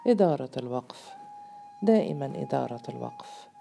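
Storybook wife: a woman doing a coaxing young wife, gravelly, very low voice. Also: animated, brisk, dark tone, a little hiss or hum, heavily acted. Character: young wife, caring and persuasive.

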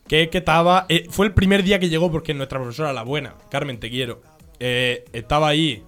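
A man's voice: a little high, fairly quick, a bit bright. A young man with a Spanish accent from Spain, telling school stories in a casual chat and laughing through them.

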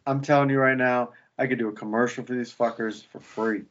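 Man, podcast co-host, casual chat, profane, blunt joking, middle pitch, dull lo-fi sound. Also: steady tone, fairly quick, a bit bright.

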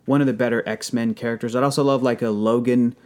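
A man's voice: medium pitch, quick pace. A man in casual, enthusiastic podcast conversation, telling stories and acting out little quotes as he goes. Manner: animated storytelling, acts out quotes. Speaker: podcast guest, toy collector.

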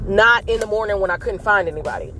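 A woman giving an earnest, casual motivational talk to her viewers, telling a story with animated acted outbursts. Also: medium pitch, quick pace, soft background music. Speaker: motivational vlogger.

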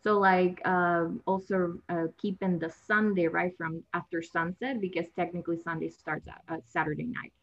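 Her fairly low voice stays level at a moderate pace with few pauses. This young native Spanish speaker from Latin America is a somewhat nervous guest in a relaxed interview, laughing and starting sentences over, captured in dull, lo-fi sound.

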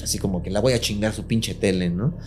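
A man's voice: on the low side, fast talker, soft background music. A man with a Mexican accent telling a real ghost story on a casual podcast, full of slang and acting out each quote in a different voice. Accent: Mexican Spanish. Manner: slangy, acts out every quote in lively voices. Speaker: podcast host.

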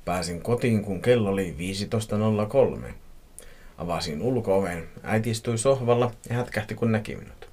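A podcast host reading a listener's horror story aloud, playful and joking between passages. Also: male voice, fairly low pitch, darkish tone. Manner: playful, laughs at his own reading.

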